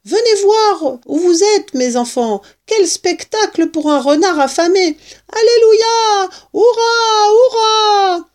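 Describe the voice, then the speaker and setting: A woman voicing a clever, proud male fox father who leads his cubs, exclaiming loudly when excited. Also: medium pitch, measured pace. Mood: exultant.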